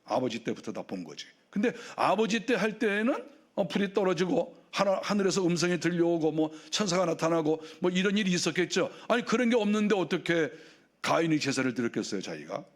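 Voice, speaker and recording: A man's voice: high voice, sing-song, a little fast. A male pastor preaching a sermon in a conversational way, full of rhetorical questions.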